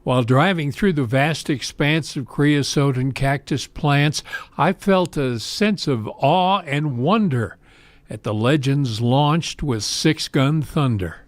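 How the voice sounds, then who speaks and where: A man reciting rhymed cowboy poetry as a guest poet, in a measured, rhythmic storytelling delivery. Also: on the high side, no echo.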